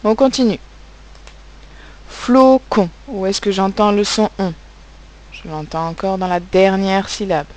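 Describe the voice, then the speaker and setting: A woman's voice: mid-range voice, fairly even intonation, moderate pace, darkish tone. A woman teaching young children spelling and handwriting, speaking patiently and spelling out letters and sounds, with a French accent.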